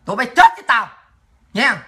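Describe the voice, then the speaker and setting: A woman hosting a political livestream, ranting in fury, hurling insults and often shouting. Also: fairly high pitch, lively intonation, fairly quick. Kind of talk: angry political rant.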